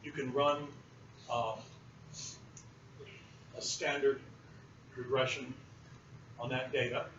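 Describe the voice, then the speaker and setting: A male university lecturer teaching a class in a relaxed, explanatory way, often pausing with fillers. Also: mid-range voice. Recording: roomy, muffled, distant classroom recording with noise.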